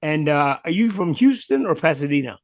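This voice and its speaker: A man's voice: on the high side, sing-song, fairly quick, no echo. A male podcast host and radio veteran in a casual interview, talking emphatically and in a friendly way, often saying "man".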